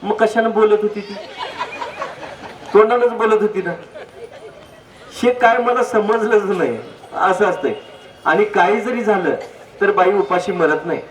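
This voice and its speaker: Male public speaker with a high voice, jokey and anecdotal, miked from a distance in an echoey hall. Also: measured pace, long pauses, some chatter behind. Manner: jokey, anecdotal, asks the audience direct questions. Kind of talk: humorous public talk. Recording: echoey hall, distant mic, faint noise.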